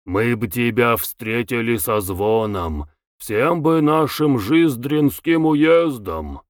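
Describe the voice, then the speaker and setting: A man voicing a gloomy village deacon who recites his verse in a measured way. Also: medium pitch, lively intonation, no room sound, studio quality. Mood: recitative.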